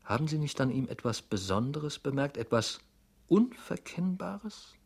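A man's voice: fairly high pitch, very animated, a little slow, gravelly, a little mellow, husky, pitched above the performer's own voice, exaggerated voice. A man voicing a timid middle-aged male clerk who stammers, halts and keeps repeating himself, in an audiobook reading. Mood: anxious, pleading.

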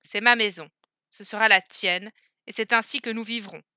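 A woman's voice: mid-range voice, fairly even intonation, moderate pace, pushed and bright, clean tone, no room sound, clean studio sound. A woman voicing a poor male beggar who talks in a firm, scolding, commanding way. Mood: stern. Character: stern poor male beggar, gruff and bossy.

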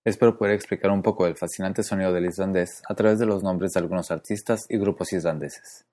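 A man hosting a podcast, explaining pronunciation methodically, spelling out letters and repeating sounds slowly. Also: sits low, fairly even intonation, dark tone. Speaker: podcast host.

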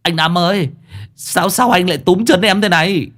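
A man's voice: mid-range voice, big pitch swings, brisk, a little mellow, lightly acted. A man voicing a flustered young male helper who stammers and complains.

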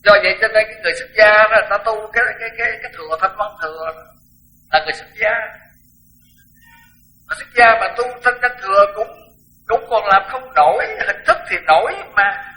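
Blunt older monk giving a sermon. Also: male voice, high voice, fairly quick, sharp tone, soft background music, rough recording. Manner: blunt, frank, repeats words when emphasizing. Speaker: Buddhist monk teacher. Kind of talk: dharma talk sermon.

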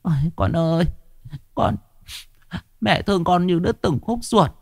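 A man's voice: high voice, measured pace, gravelly, darkish tone, dry recording, studio quality, pitched above the performer's own voice. A man voicing an older woman who grieves for her dead son in a tearful, wailing lament.

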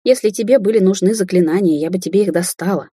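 A woman's voice: medium pitch, quick pace, mellow, husky, no room sound, studio quality, lightly acted. A woman reading an audiobook, voicing a grumbling, defensive mother who is a middle-aged sorceress.

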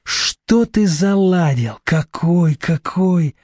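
Storybook thug, menacing sneer, read by a man, rather high voice, dry mic. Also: expressive, very slow, darkish tone, no echo, full character voice. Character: sneering slick-haired young male thug.

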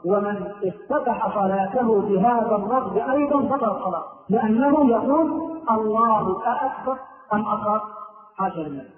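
A man's voice: high-pitched, animated, a little fast, crowd noise. A man with an Egyptian Arabic accent, a sheikh giving a religious lesson on prayer. He explains step by step and often sings out the phrases he corrects. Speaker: sheikh teaching prayer rules. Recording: echoey, distant, tinny phone-like sound.

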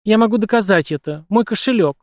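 A man's voice: sits high, a little fast, dry recording, clean studio sound, pitched above the performer's own voice, close to an everyday voice. A man reading an audiobook, voicing a frightened young woman in a raised, strained, pleading voice. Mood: urgent.

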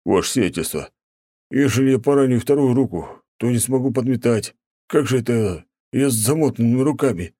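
A man's voice: sits low, fairly quick, few pauses, no echo. A man voicing a grey-haired groundskeeper of about forty, a frightened servant who pleads in a trembling voice. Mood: pleading.

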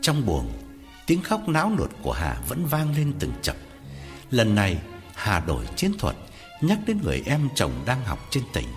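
Lively man narrating a ghost story. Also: medium pitch, moderate pace, soft background music. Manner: expressive storyteller. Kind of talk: dramatic horror story narration.

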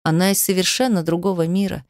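A woman narrating an audiobook in the first person, with an even, measured reading. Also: on the low side, no room sound, clean studio sound.

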